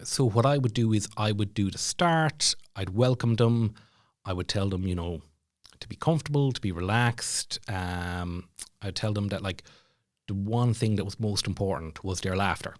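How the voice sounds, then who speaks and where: An Irish man, once an MC at a comedy club, guests on a podcast and tells stories in a rambling, self-deprecating, casual way. His voice sits lowish at a normal speed, in a dry, studio-quality recording.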